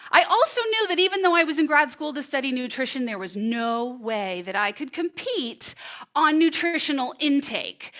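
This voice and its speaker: A woman in her thirties performing a personal story on stage before an audience, with an expressive, animated delivery and dramatic pauses. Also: high-pitched. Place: presentation room before an audience.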